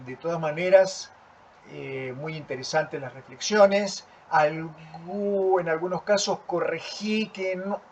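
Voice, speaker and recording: A man, teaching a lecture in a slow, deliberate manner and often checking in with "¿sí?". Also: a little high, darkish tone, a little hiss or hum. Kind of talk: lecture reviewing student work. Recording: dull lo-fi recording.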